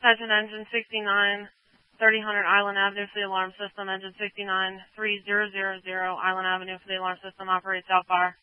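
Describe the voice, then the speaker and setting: A man's voice: high-pitched, completely flat delivery, fast, clean tone, dry recording. A man working as a fire dispatcher on two-way radio, answering units in a clipped, procedural way. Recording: dull lo-fi fire radio audio.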